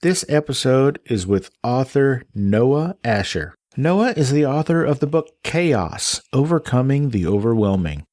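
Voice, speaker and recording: A man from Texas hosts a casual podcast interview, teasing his guest and cracking dry jokes between questions. His voice sits at an ordinary middle pitch. The sound is close and dry, with no room echo. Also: very animated, darkish tone. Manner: joking, teasing, fast questions. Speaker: podcast host.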